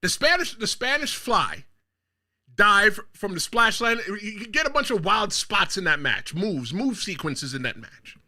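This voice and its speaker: This Bronx, New York host of a solo wrestling commentary show talks directly to viewers at a measured pace. His high, piercingly bright voice rises and falls dramatically as he punches out his hot takes.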